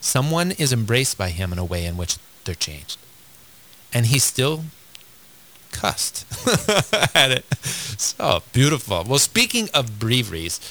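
Bright-voiced enthusiastic male radio host. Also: on the low side. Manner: enthusiastic, laughs often. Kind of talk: casual radio chat.

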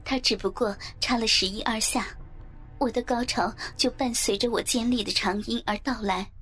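A woman narrating an erotic audiobook in the first person, reading in a soft, even, intimate way. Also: a little high, moderate pace, breathy edge, faint music behind.

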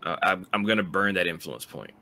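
Hesitant low-voiced man playing a tabletop game. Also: expressive, a little fast, bright, forceful tone. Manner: hesitant, many fillers. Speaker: player. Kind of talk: casual tabletop game play.

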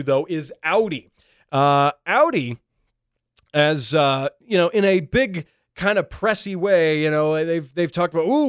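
Wry chatty guy hosting a show, kinda high voice, dry close mic, lots of ums. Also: dry recording. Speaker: show host. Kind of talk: casual commentary.

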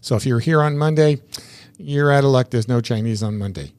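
A man's voice: mid-range voice, brisk, a little mellow. A man hosting a casual interview, chatty and rambling, often repeating words as he starts a sentence. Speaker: interview show host.

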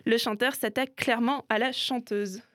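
A woman's voice: fairly high pitch, fairly even intonation, fairly bright tone, no echo, studio quality. A woman hosting a music segment, explaining things in a chatty way with frequent little asides. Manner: chatty explainer, sprinkling "hein" and quick asides. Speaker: show host. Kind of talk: presenting a themed music segment.

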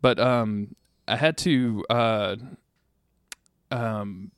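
A man in his thirties co-hosts a podcast in a relaxed, rambling way, swearing freely and leaning on fillers. His voice sits on the low side and is recorded close and dry, with no room sound. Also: very slow, clean tone, no echo. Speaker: podcast co-host. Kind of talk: casual chat.

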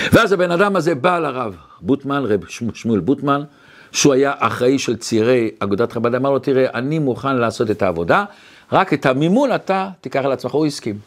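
A male rabbi telling a story in a talk, acting out the quotes as he goes. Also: on the high side. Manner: animated storytelling with acted quotes.

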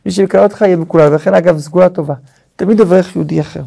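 A rabbi teaches a Torah lesson with a high yet dark voice. He tells the story in a lively way, and a gravelly roughness runs through his speech.

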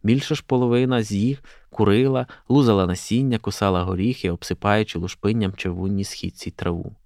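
A man, a journalist, reading a classic prose excerpt aloud in a steady, measured way. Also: lowish voice, gravelly, no room sound, clean studio sound.

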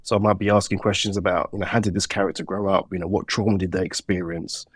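A man with a London accent and a slight sore throat, answering interview questions thoughtfully with many pauses and fillers. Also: low-pitched, level tone, no echo, clean studio sound. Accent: London English. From England. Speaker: composer guest.

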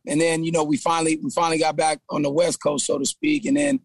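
A man from San Jose, a trainer and former football player, telling his story as a guest in a relaxed interview, with frequent "man" and repeated words. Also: on the high side, fast talker, dry recording. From San Jose, California. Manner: laid-back, says "man" often, repeats himself. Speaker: guest, trainer and gym owner. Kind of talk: casual interview chat.

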